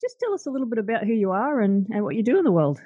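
A woman's voice: on the high side, big pitch swings, rapid-fire, warm tone, husky, dry recording, muffled recording. An Australian woman presenting a podcast as host in an upbeat, informal manner. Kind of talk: scripted show introduction and interview.

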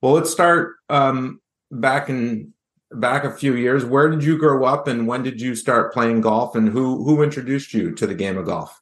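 A man's voice: medium pitch, a little slow, husky. A man from New Hampshire hosting a golf podcast, reading his intro and then interviewing his guest in a friendly way. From New Hampshire, USA. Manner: friendly, reads a prepared intro. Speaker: podcast host.

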